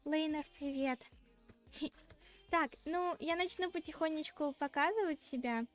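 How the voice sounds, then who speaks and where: A woman with a very high, cute anime-streamer voice chats casually to her viewers. She takes her time at an unhurried, slow pace and comes across as girlish, giggly and a little shy. Music plays clearly behind her. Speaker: VTuber streamer hosting a redebut stream. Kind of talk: casual livestream chat with viewers.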